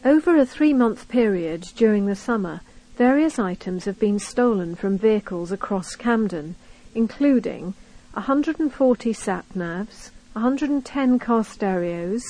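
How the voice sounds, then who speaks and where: A woman's voice: medium pitch, animated, unhurried, mellow, poor audio. A British woman reading magazine news articles aloud as scripted narration for a recording. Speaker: reader of a recorded local magazine.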